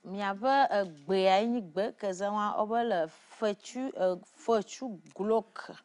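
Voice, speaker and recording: A woman's voice: mid-range voice, steady tone, measured pace, a little mellow. A woman hosting a casual studio chat show in a playful way, laughing easily and switching between languages. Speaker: show host.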